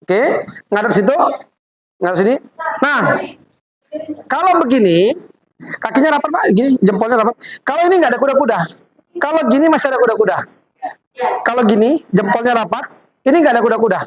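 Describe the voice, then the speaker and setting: Speaking fairly quickly with frequent pauses, a woman with a slightly high voice and lively intonation runs a live product demo for a group. She's an MLM presenter, chatty and coaxing as she directs volunteers, and the poor recording carries audience noise in the background.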